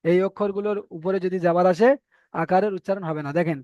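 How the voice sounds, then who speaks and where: A man's voice: sits high, fairly even intonation, fast talker, dark tone, no echo, muffled recording. A man teaching Arabic letter pronunciation in an online lesson, patiently drilling and correcting students. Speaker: Quran reading teacher.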